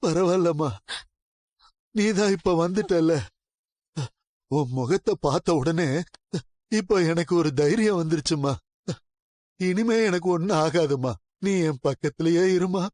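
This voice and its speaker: A man's voice: fairly high pitch, unhurried, pauses often, a little mellow, dry recording, lightly acted. A middle-aged actor playing an ailing, loving father who longs for his daughter in a TV serial. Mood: emotional. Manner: weak, emotional. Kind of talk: TV serial acting.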